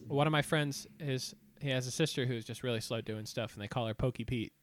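A young man from Northeast Ohio with a Northeast Ohio accent, co-hosting a casual podcast chat in a low-key, deadpan teasing way. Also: fairly quick, no echo. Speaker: podcast co-host.

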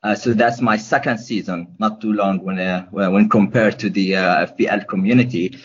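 Speaking in a steady, somewhat low voice at a moderate pace, a young man from Gaza, Palestine, responds to a podcast's questions. He hesitates often, with frequent ums and restarts. The recording is dull and lo-fi.

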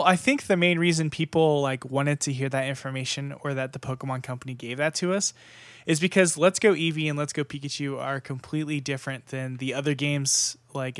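A man's voice: medium pitch, no room sound. A young man hosting a podcast in casual chat, talking loosely with lots of fillers and restarts. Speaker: podcast host.

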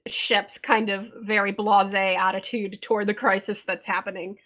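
Bright chatty woman podcast host. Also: medium pitch, level tone, normal speed, low-quality recording. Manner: chatty, laughs often, trails off. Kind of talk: casual chat.

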